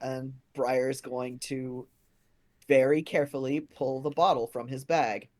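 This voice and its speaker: A woman's voice: rumbling low, fairly even intonation, unhurried, a little mellow. A woman playing a tabletop game, talking informally and jokingly as she improvises her character's part. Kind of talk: casual improvised play.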